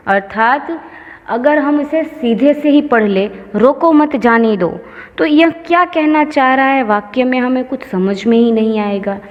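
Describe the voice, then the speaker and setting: A woman teacher giving a slow, patient grammar lesson, explaining each example step by step. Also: sits high. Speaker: school teacher. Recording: lo-fi with long reverb.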